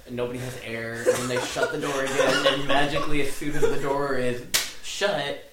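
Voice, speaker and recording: A man's voice: medium pitch, little pitch movement, fairly quick. A young man casually retelling a movie plot to friends, rambling with lots of fillers and swearing. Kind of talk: casual chat among friends. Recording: echoey room, faint noise.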